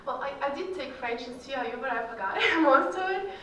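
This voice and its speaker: A young adult woman from Kyrgyzstan, a Russian native speaker, returns as an alumni guest speaker to answer student questions casually, full of fillers. Her voice is high-pitched, expressive, bright and forceful, and she speaks briskly. The audio is picked up from far off in a large, echoey hall, with a little hiss or hum.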